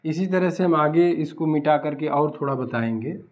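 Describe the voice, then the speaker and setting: A man's voice: fairly high pitch, normal speed, slight background noise. A man teaching a Hindi class at a board, who asks questions and then answers them himself. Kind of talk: blackboard lecture. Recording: dull lo-fi recording.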